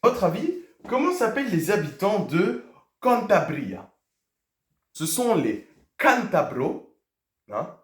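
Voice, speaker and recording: Male language teacher, drawn-out and animated delivery, quizzes viewers, repeats words to drill them. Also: fairly high pitch. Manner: teacherly, poses quiz questions to viewers; hesitant fillers, repeats key words. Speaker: Spanish teacher. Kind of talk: video lesson. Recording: echoey room.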